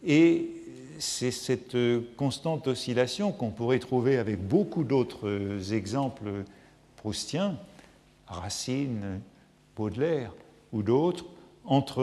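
A middle-aged man, a literature professor, giving a public lecture in a large hall, speaking slowly with many hesitations and raising his voice when he quotes a text. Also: medium pitch, mellow. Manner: slow, hesitant, many fillers, lifts voice for quotations. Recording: long reverb of a lecture hall.

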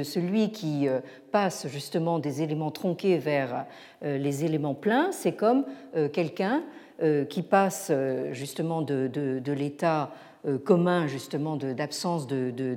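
A woman giving an academic lecture, halting often with fillers and restarts as she searches for words. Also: on the low side, dark tone. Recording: long hall reverb.

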